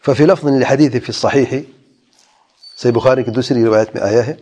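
Husky-voiced man teaching a religious lesson. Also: medium pitch, warm tone. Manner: reads lines in Arabic then explains them, with rhetorical questions. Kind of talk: religious lesson explaining a text.

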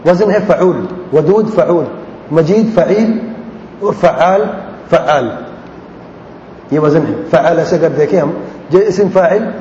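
A man teaching Arabic grammar in a classroom lesson. He repeats word patterns patiently and asks questions that he then answers himself. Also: warm tone. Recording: echoey hall, dull lo-fi sound, faint rumble.

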